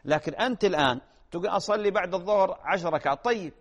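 A man, preaching and answering viewers' questions, earnest and admonishing, then gently reassuring. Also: sits high, rapid-fire, in a large hall. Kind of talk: religious talk show answers.

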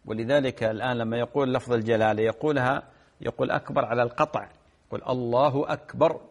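A man answers callers' religious questions on a call-in show. He sits at an average pitch for a man and takes his time, explaining patiently and stretching out the words in his examples. He sounds like a cleric settling everyday questions. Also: fairly even intonation, quick pace.

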